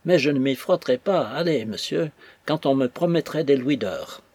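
A man's voice: medium pitch, animated, moderate pace, darkish tone, no echo. A timid pleading servant boy, as a man reads him. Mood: pleading, submissive. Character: timid servile young male knife-grinder, fearful and pleading.

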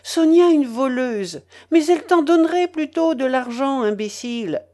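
A woman's voice: fairly high pitch, lively intonation, unhurried, darkish tone. A woman voicing a frantic, consumptive mother who rails shrilly and scornfully in an audiobook scene. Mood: furious. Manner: shrieking, scornful tirade.

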